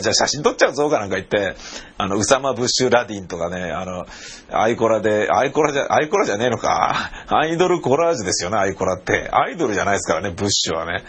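A middle-aged man with a low, husky voice tells a casual story on his own. His pitch swings widely as he acts out the people he quotes. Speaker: radio personality telling a travel story. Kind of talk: casual monologue.

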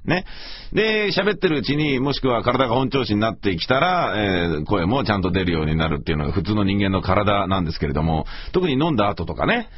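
A middle-aged man with a hoarse, gravelly voice, rambling casually and self-deprecatingly as he hosts a solo radio talk. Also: on the low side, very animated, a little fast. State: morning hoarseness after heavy talking. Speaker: radio show host and voice performer. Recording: slightly dull, lo-fi audio.

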